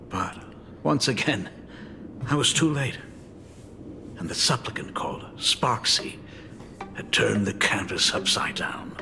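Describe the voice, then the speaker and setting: A man voices a doting, fretful middle-aged father who is also an academy dean in a video game, delivering the lines expressively and theatrically. His voice is mid-range and creaky, recorded in a big-sounding room with slight background noise.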